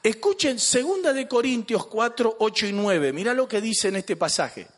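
A man's voice: high-pitched, lively intonation, normal speed, big-room sound. A man with an Argentine accent, a pastor preaching a sermon. He jokes and asks the congregation questions. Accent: Argentine Spanish. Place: church.

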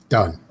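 A man co-hosting a casual chat, cracking dry jokes and quick punchlines. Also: a little hiss or hum.

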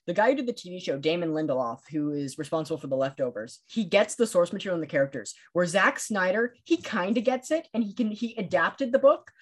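A man as a podcast guest, talking films in passionate, rapid casual chat. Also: high voice, expressive. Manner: passionate, rapid film analysis. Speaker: podcast guest, film critic.

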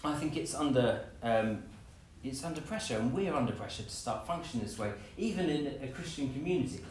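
A man preaching a lively sermon, acting out scenes with playful voices. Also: mid-range voice, a little fast, a little hiss or hum. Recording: echoey room, from a distance.

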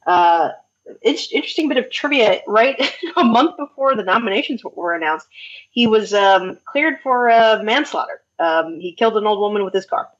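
Husky lady cohost, laughs a lot, kinda dull lo-fi sound. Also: mid-range voice, normal speed. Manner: laughs easily, animated, swears casually. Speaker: podcast co-host. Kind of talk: casual chat.

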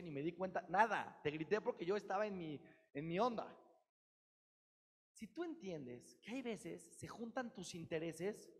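A man teaching a religious seminar, lively and acting out little dialogues between people. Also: on the high side, slightly rough. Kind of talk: religious lecture to women. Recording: long hall reverb.

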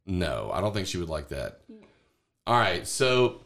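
Man, podcast co-host, casual family chat, animated pitch, playful questions. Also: a little slow, creaky. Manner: playful, prompting questions with fillers.

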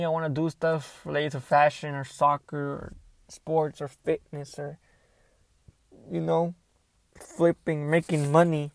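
A young man talking casually and hesitantly, thinking out loud in an unscripted solo podcast, recorded on an earbuds mic inside a car. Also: a little high, vocal fry, no room sound.

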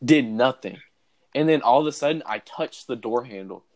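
A man's voice: medium pitch, normal speed. A young man hosting a podcast, telling a story in casual chat with frequent laughter. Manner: animated storytelling, laughing often. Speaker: podcast host.

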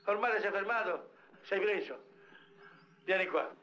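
A man's voice: high-pitched, a little slow, bright, forceful tone, a little hiss or hum. An actor playing a weary male police sergeant who bickers with a crook, exasperated, in a dubbed film comedy. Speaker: police officer. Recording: lo-fi old film soundtrack.

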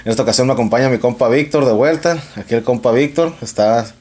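A man's voice: medium pitch, quick pace, a little mellow. A man with a Mexican accent hosting a podcast in casual, slangy street talk peppered with swearing. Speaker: podcast host.

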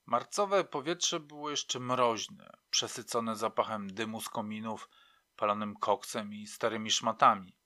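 A man's voice: on the low side, unhurried, sharp tone, dry recording, studio quality. A man reading a novel aloud in a reflective, wry storytelling manner. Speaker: narrator. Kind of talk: audiobook narration.

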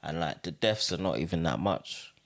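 Deep-voiced young London roadman. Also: expressive, moderate pace, creaky. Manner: punctuates talk with slang address words. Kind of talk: casual slangy chat.

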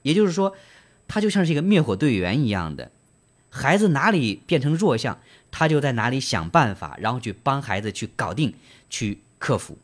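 A man's voice: medium pitch, big pitch swings, normal speed. A man hosting a book club, explaining and retelling in trained standard Mandarin with frequent fillers and questions to the listener. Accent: standard Mandarin, broadcast-trained. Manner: gentle storyteller, asks listeners rhetorical questions. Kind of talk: book reading and discussion.

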